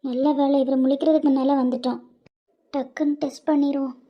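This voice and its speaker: A performer voicing an emotional, tearful young wife in a cartoon, with a southern Tamil Nadu accent, speaking in breathy, halting repeats. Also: high voice, flat delivery, muffled recording, very noisy, close to an everyday voice. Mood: nervous, amazed. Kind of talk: cartoon voice acting.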